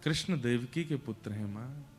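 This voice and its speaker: A man doing solemn messenger Akrur, low and grave. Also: normal speed, faint music behind, lightly acted. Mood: grave, reluctant. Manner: grave, reluctant. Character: solemn, hesitant male royal messenger Akrur.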